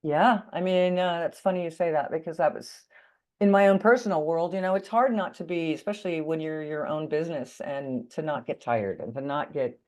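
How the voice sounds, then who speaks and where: A woman hosts a casual interview, sounding a little tired, chatty, and scattered, with many fillers. Her voice is deep and darkish in tone, and she speaks briskly.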